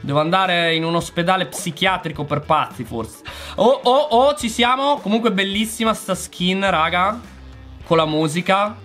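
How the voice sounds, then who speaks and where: Excitable man with a lively, bouncing voice. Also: high voice, normal speed, soft background music. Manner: excitable, exclamatory, talks straight to viewers. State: voice going hoarse. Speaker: gaming channel host. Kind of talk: casual gameplay commentary.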